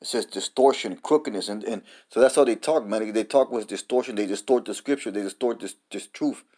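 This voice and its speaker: A man's voice: fairly low pitch, fairly quick, darkish tone. Man giving a cursing street-style sermon. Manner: profane, repetitive, says "man" often; reads scripture and definitions aloud. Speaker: preacher. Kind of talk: informal sermon.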